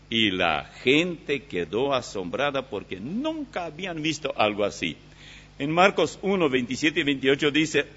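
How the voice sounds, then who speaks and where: Lively man teaching a Bible study. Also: medium pitch, breathy edge. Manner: reads scripture aloud with lively emphasis, then explains it. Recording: dull lo-fi recording.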